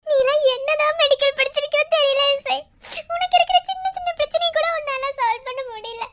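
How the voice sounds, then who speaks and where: A shrill cartoon med student in pain. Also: female voice, a little fast. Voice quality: very high, bright girlish voice.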